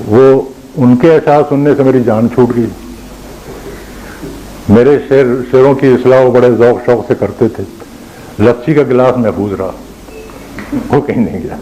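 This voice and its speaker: An older man, a former college principal, giving a lecture with anecdotes and asking his listeners questions in a measured way. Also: mid-range voice, warm tone, slight background noise, rough recording. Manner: asks the audience questions, measured delivery.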